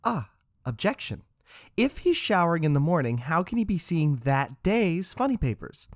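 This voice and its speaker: A man's voice: fairly high pitch, sing-song, normal speed, dry recording, clean studio sound, voice pushed up. Melly, a man doing a playful young woman.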